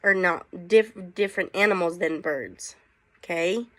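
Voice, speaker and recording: With a fairly low, somewhat bright voice, a woman teacher takes her time reading a picture book to children. She is inquisitive, prompting her young listeners with casual questions as the story goes on.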